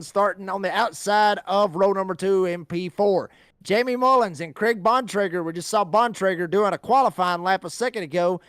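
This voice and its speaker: A man's voice: sits high, fairly bright tone, no room sound, clean studio sound. A man calling a race as lead commentator, with folksy, announcer-like play-by-play.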